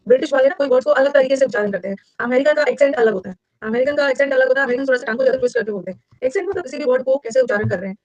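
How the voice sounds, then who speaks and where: Fast-talking Indian woman teaching English. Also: high voice, darkish tone, no room sound, poor audio. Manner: fast, chatty, switches between Hindi and English. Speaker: English teacher for competitive exams. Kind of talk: live online class.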